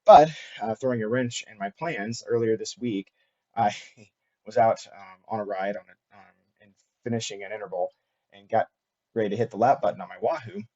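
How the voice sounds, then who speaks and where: A man talking casually and unscripted as host of a cycling vlog, halting often with fillers and restarts. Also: lowish voice, mellow, highs cut off. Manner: halting, filler-heavy delivery with frequent restarts.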